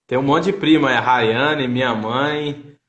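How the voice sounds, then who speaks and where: This Brazilian-accented host of a language-learning livestream, a native Portuguese speaker, tells anecdotes and chats casually in colloquial speech indoors on an online live video call. He speaks unhurriedly in a medium, slightly bright voice, and the audio is roomy and dull.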